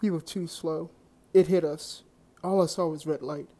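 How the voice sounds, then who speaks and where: A young amateur narrator reading a first-person adventure story in a plain, halting read-aloud delivery. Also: mid-range voice, steady tone, mellow.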